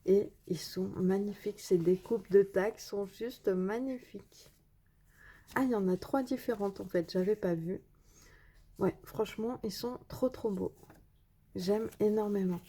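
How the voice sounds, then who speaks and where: A woman talks casually through an unboxing of craft supplies, pausing often with little fillers. Her voice is soft and breathy, in an even middle register. She keeps heaping praise on each piece she shows. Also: mid-range voice. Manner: hesitant, many fillers, enthusiastic praise. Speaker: craft vlogger.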